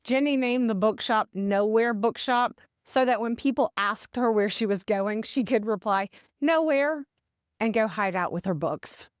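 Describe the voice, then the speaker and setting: A woman hosts a casual travel vlog, chatty and upbeat, speaking straight to her viewers and adding some scripted voice-over. Her medium-pitched, clean voice moves at a moderate pace with hardly any pauses, in a dry, clean studio recording.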